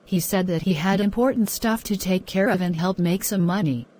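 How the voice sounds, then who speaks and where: A woman's voice: mid-range voice, moderate pace, darkish tone, close to an everyday voice. A woman playing a hurt, frustrated girlfriend giving a statement in a murder mystery film. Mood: upset, resentful.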